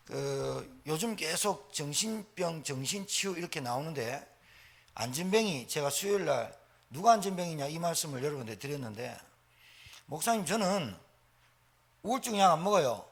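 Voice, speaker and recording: A man's voice: on the high side, big pitch swings, normal speed, creaky, pauses often. A middle-aged man, preaching a sermon as pastor with emphatic rhetorical questions.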